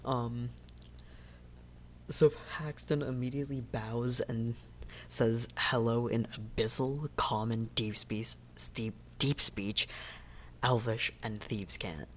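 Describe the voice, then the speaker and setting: A game master narrating a tabletop game in an unhurried way, with filler pauses. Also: mid-range voice, steady tone.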